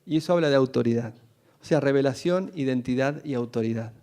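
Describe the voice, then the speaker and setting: A man with a Rioplatense Spanish accent, preaching a sermon as a pastor, animated and full of stories, calling the congregation to repeat after him. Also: mid-range voice, brisk.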